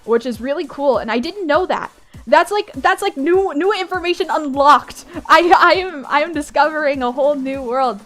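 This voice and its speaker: High-pitched giggly young woman streamer. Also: normal speed, fairly bright tone, soft background music. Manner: bubbly and giggly, repeats her phrases. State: groggy morning voice, just woke up. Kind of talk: casual live-stream chat.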